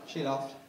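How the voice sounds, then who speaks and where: An English stand-up comedian delivers a bawdy set with punchy timing and a quick "right?" after each beat. His voice sits high for a man. The sound carries the echo of a theatre, with the mic picking him up from a little distance. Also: very noisy. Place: theatre stage before a laughing audience.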